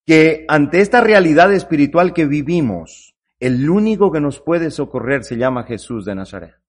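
High-pitched male pastor, fervent sermon delivery, murmur-to-cry swings, heavy repetition. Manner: impassioned, swings from low murmurs to drawn-out cries; repeats phrases for emphasis.

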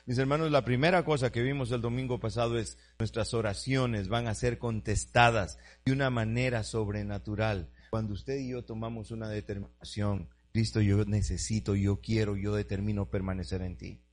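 A man preaching a sermon, stretching words out loudly and then dropping to quiet asides, calling his listeners brother. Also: steady tone. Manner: swings between loud drawn-out preaching and low asides. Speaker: pastor.

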